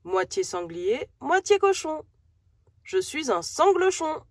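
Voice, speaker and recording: A proud, cheerful little boar-piglet boy, put on by a woman for a storybook read to a toddler. The voice is high and swoops as he explains. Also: very animated, slow pace, dry recording, clean studio sound, heavily acted. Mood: amused, proud.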